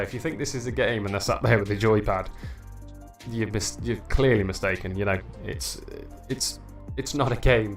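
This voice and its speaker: A man hosting a livestream, commentating a virtual bike race in a chatty way and talking to viewers. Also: lowish voice. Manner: excitable, shouts at the finish, chatty with viewers.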